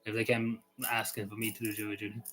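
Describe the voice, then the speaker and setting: This YouTuber, an Irishman, fields questions from his live chat in a loose, meandering way, often saying "you know" and starting over. He talks quickly in a lowish, monotone voice with a slightly bright edge, and soft music plays in the background.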